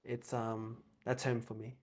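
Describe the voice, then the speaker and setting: A young man from Australia, a guest in a casual chat, talking softly and hesitantly with many pauses and ums. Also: medium pitch, little pitch movement.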